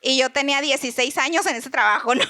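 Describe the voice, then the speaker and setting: A woman's voice: high voice, fast, pushed and bright, dry recording. A middle-aged woman with a Mexican accent giving an earnest, conversational church talk, often tagging her sentences with a questioning "¿no?". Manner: often tags lines with a questioning "¿no?"; earnest, asks listeners rhetorical questions. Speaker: lay preacher.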